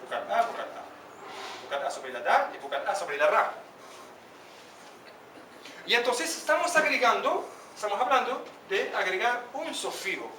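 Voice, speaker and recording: Bright-voiced male teacher, echoey classroom. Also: high-pitched, very animated, far from the mic, slight background noise. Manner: asks students questions by name, drills pronunciation slowly. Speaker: Arabic teacher. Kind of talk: classroom lesson.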